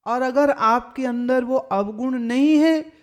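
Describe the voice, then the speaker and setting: A woman spiritual teacher giving a discourse, telling anecdotes in a lively way and acting out what other people said. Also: high-pitched, slow. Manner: lively storytelling, acts out other people's remarks.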